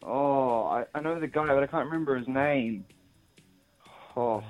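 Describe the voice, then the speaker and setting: A man's voice: mid-range voice, unhurried, soft background music. A man calling in to a radio quiz over the phone, answering casually and hesitantly. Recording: tinny phone line.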